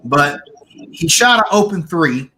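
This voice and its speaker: A man co-hosting a casual sports podcast, opinionated and animated, restarting his sentences as he argues. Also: fairly high pitch, slow, a little hiss or hum. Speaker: podcast co-host.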